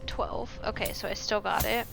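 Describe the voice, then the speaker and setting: A woman's voice: medium pitch, steady tone, moderate pace, gravelly, music in the background. A woman giving casual, chatty gameplay commentary as she hosts her own playthrough. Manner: chatty, reads choices aloud. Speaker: gamer, playthrough host.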